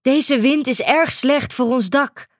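A stern island mother, as a woman reading a storybook puts her on, sharp and protective when she questions. She talks slowly into a dry, close mic, her voice on the higher side for a woman. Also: no room sound.

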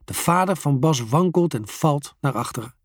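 A storyteller reading a children's story aloud, slowly and expressively. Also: mid-range voice, husky, dry recording, studio quality. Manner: slow, expressive.

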